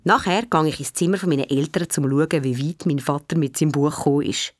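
A woman with a Swiss accent, reading a children's story in the first person with a lively, childlike manner. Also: low voice, fast talker, dry recording, clean studio sound, faint music behind. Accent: Swiss German. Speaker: audiobook reader.

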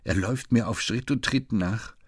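A man voicing a quick-witted young woman who teases lightly, in an audiobook reading. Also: on the low side, husky, dry recording, clean studio sound, pitched above the performer's own voice.

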